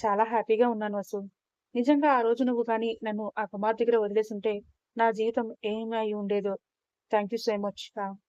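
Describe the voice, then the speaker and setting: A woman reading a story puts on a young wife who speaks earnestly through tears of relief and thanks. The voice is mellow and slightly high. It sits close and dry on a dull, lo-fi recording. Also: fairly even intonation, normal speed, clear, resonant tone, no room sound, close to an everyday voice. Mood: grateful. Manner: tearful, earnest. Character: young wife, grateful and emotional.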